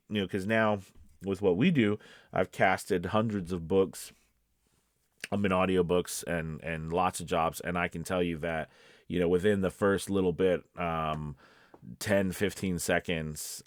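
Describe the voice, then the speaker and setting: A man with a lowish voice, recorded with clean studio sound and no echo, works as a voice-over coach and casting professional. His talk to camera is casual and instructional, full of conversational advice and points repeated for emphasis.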